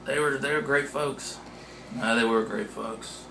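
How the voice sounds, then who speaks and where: A man with a gravelly, fry-edged voice talks through an interview as the author, wandering from thought to thought and swearing casually. He pokes fun at himself as he goes. His voice rings in a roomy, echoey space with a faint hum of noise behind it. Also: medium pitch, measured pace, bright, forceful tone. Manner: meandering, profane, self-mocking. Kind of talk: casual rambling interview talk.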